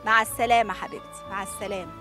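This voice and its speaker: A woman's voice: high voice, expressive, fast. An actress playing a tender, reasoning mother who speaks affectionately, with an Egyptian Arabic accent. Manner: affectionate, calls everyone darling. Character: tender, reasoning middle-aged mother, soothing. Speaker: mother and neighbor. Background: music.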